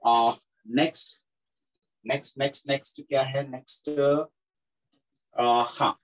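A man's voice: medium pitch, little pitch movement, unhurried, low-quality recording. A man teaching a physics lesson in Hindi mixed with English, repeating points and checking that students follow. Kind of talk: classroom lecture mixing Hindi and English.

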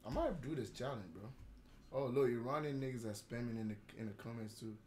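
A man's voice: medium pitch, expressive, fairly quick, a little mellow. A man hosting a reaction video, hyped and slangy in casual chat. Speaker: host of the channel. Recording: clear background noise.

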